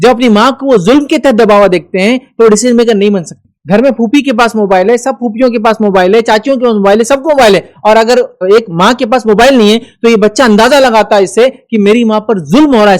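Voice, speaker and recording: A man giving a religious lecture, emphatic and full of rhetorical questions. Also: high voice. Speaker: Islamic speaker.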